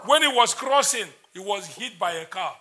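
Man, prophet ministering in church, very bright tense tone, insistent repetition. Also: sits high, animated, moderate pace. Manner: intense, repetitive, declaring prayers.

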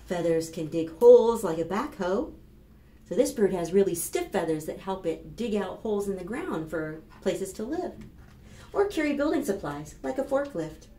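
This storytime host, an American children's librarian in her fifties, has a mid-range voice and a normal pace. She reads aloud and does rhymes for preschoolers, expressive and instructive and quizzing the youngsters as she goes. The audio carries a roomy echo and clear background noise from a small, plain indoor room.

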